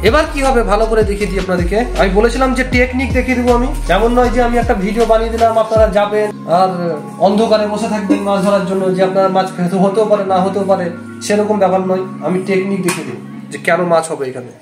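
A man's voice: high-pitched, fast talker. A young man with a West Bengal Bengali accent, host of a fishing channel, explaining a bait recipe step by step in an earnest, repetitive way. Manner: repetitive, earnest instructional talk. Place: small indoor room. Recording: echoey room with background music.

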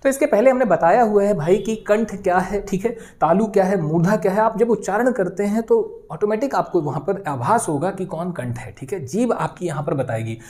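A woman with a mid-range, animated, slightly mellow voice speaks at normal speed with few pauses. She teaches a Hindi grammar lesson for exam students, explaining step by step, saying the sounds of letters aloud, and often adding "ठीक है" and "दोस्तों".

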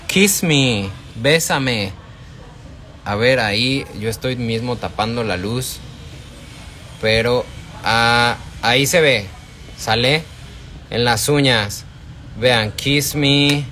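Brief: Mexican man, live-stream shopping host on a handheld phone, chatty, mid-pitched, faint shop noise behind. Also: slow pace, long pauses, bright, forceful tone. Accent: Mexican Spanish. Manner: chatty, addresses viewers by name, answers chat. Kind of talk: casual live-stream product showing. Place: indoors in a wholesale shop. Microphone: phone held at arm's length.

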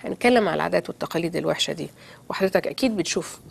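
An Egyptian woman with an Egyptian Arabic accent hosting a studio talk show, brisk and friendly. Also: lowish voice, animated, vocal fry, slight background noise. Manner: frequent back-channel murmurs, brisk and friendly.

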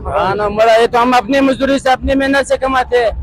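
A man's voice: extremely high pitch, steady tone, fairly quick, crowd noise, noisy background. A man from Afghanistan answering a street interview, emphatic and argumentative. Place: busy city street at night.

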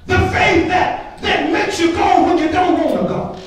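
A man preaching a sermon from the pulpit. He speaks in a stirring way, often repeats his words and rises to shouts. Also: very high-pitched, unhurried, faint music behind, some chatter behind. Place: church sanctuary, at the pulpit. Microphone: pulpit mic, camera at the back of the room. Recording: very echoey sanctuary from far off.

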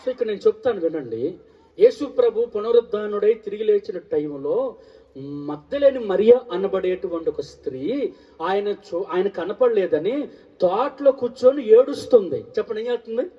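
High-pitched preaching man, distant. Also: lively intonation, normal speed, dull audio. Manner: call-and-response preaching, repeating phrases. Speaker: pastor. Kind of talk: sermon.

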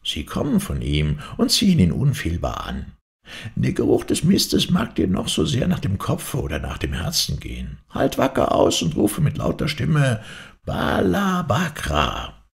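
A man's voice: creaky, heavily acted. A man voicing a once-old woman made young again, telling her tale to a friend in a storybook reading. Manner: chatty storytelling, wide swings in pitch.

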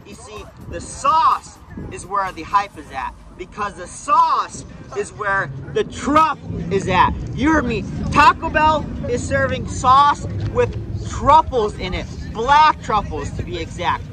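A young man hosting a casual fast food review vlog outdoors, chatty and jokey, talking straight to his viewers. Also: very high-pitched, big pitch swings, noisy background.

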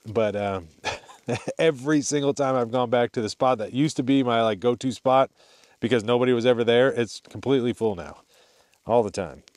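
A man talks to his viewers in a casual vlog style, with a medium-pitched voice. He rambles informally and sounds appreciative. The sound is dry, with hardly any room on it. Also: normal speed, darkish tone, dry recording. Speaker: vlogger. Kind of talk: casual chat to camera.

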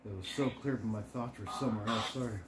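A man in his forties with a fairly low voice co-hosts a ghost-hunting video. He talks casually and puts short questions to spirits without hurry. The room is echoey, with loud noise around his voice. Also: steady tone, quick pace. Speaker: co-host of a paranormal investigation video. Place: living room at home, indoors. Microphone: camera a few feet away. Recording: roomy echo with loud noise. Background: loud noise from a spirit box session.

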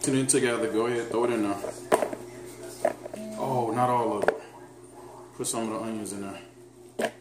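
With frequent pauses, a man in his thirties speaks at a moderate pace in a mid-range, fairly even voice. He's a fitness vlogger giving a casual home cooking demo with his daughter, teasing and talking directly to viewers. The camera mic on the counter records an echoey kitchen full of loud background noise.

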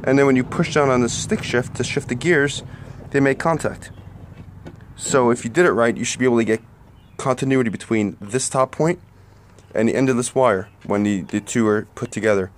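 A man's voice: mid-range voice, moderate pace. A man in a garage explaining a car part repair while filming one-handed on his phone, plain-spoken and a bit apologetic. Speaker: home mechanic. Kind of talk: casual how-to vlog. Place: garage workbench under a tent. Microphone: phone held one-handed close to the work.

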